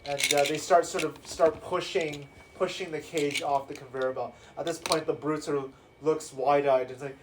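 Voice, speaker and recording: Guy running a tabletop game, bit high voice, lots of "sort of", faint hiss. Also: steady tone, normal speed, hardly any pauses. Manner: hesitant, many "sort of" fillers. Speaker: game master.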